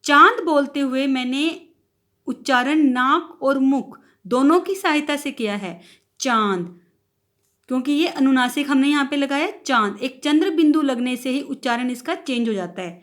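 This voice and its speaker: A woman teacher with a high voice leads a grammar lesson for primary school children. She speaks slowly and draws out each example word so the class can say it back. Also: a bit bright. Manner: slow, drawn-out demonstration of words for children to repeat.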